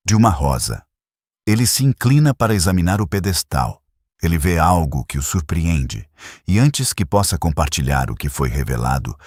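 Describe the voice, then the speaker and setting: Shrewd old detective for an audiobook, read by a man: measured and gently probing, a touch higher than the narration, husky edge, dry close sound. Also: dry recording, full character voice. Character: shrewd elderly male detective, calm and precise. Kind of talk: audiobook character reading.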